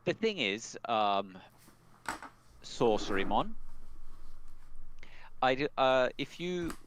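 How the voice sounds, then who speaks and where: Male player, chatty and halting, voice swinging up and down. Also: medium pitch, a little hiss or hum. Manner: hesitant, restarts often, animated. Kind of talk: casual tabletop play.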